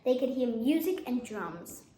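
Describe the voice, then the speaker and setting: A woman's voice: fairly high pitch, sing-song, measured pace, mellow. A woman storyteller reading a children's picture book aloud. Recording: echoey room.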